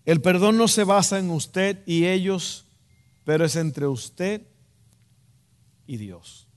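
Slowly and in a high voice, a man from the Dominican Republic delivers a sermon to a congregation, his Dominican Spanish accent clear. He's direct and emphatic, driving home key phrases through repetition, and the recording carries a long hall reverb.

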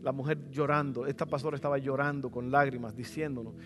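A middle-aged man preaching a sermon as pastor in a church, fervent and rising to loud exclamations. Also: medium pitch, level tone, quick pace. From Latin America.

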